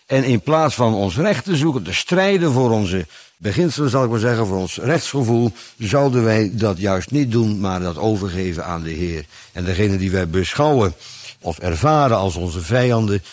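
A man's voice: lowish voice, lively intonation, normal speed, darkish tone, no echo. A man preaching a Bible exposition sermon, explaining verses in a didactic way with rhetorical questions and emphatic stresses.

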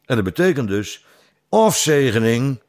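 Middle-aged preacher, man, slow stressed scripture reading, plain asides. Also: mid-range voice, big pitch swings, a little mellow. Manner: reads scripture slowly with stress, explains in plain talk. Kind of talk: Bible teaching sermon.

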